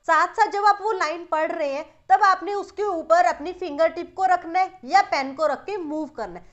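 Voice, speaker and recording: A woman's voice: very high voice, a bit bright, muffled recording. A young woman giving a motivational study lesson to students, talking to them directly and mixing English terms into her Hindi. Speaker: study coach.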